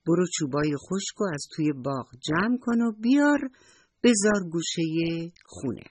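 Woman doing a gentle mother mouse. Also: animated, husky, no echo. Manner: soft, gentle and lower than the narration. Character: calm, caring mother mouse.

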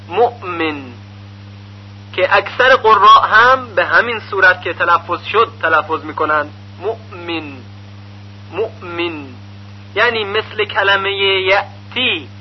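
A man with a fairly high voice teaches Quran recitation in a calm, methodical way. He explains each pronunciation rule patiently, step by step. The recording is muffled and lo-fi, with a faint hum underneath. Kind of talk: instructional lesson.

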